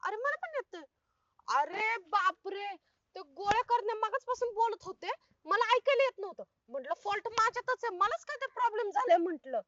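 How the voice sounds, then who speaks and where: An actress playing a loud, bossy village woman who talks in a rustic, scolding way. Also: extremely high pitch, expressive, fairly quick, no echo. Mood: chatty. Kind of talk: comic web film acting. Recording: dull, dry film sound.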